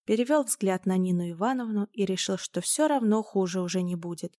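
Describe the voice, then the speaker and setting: A woman narrating a storybook with a steady, expressive reading. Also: medium pitch, brisk, no room sound, studio quality. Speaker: audiobook narrator.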